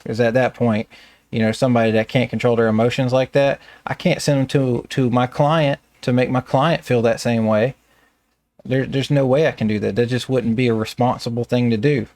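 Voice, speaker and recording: A man's voice: mid-range voice, steady tone, normal speed, darkish tone, no echo. Plainspoken Southern American man. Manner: plainspoken and colloquial, telling stories at length. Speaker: staffing business owner. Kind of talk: casual storytelling interview.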